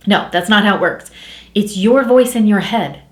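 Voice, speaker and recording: A woman speaking as a spiritual coach in a casual teaching talk, chatty and animated, acting out inner voices as she explains. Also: medium pitch, normal speed, echoey room.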